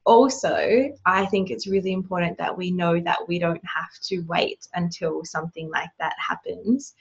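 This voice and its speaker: A woman's voice: fairly low pitch, fairly even intonation, moderate pace, gravelly, lo-fi sound. A woman hosting a podcast, talking in a reflective, casual way. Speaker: podcast host.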